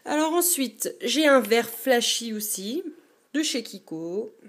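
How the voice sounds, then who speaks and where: A young woman vlogging from a dim bedroom, her voice sitting a little high. She talks in a casual, chatty show-and-tell way. She pauses often and fills the gaps as she goes. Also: animated. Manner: chatty, hesitant, many fillers. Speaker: beauty vlogger.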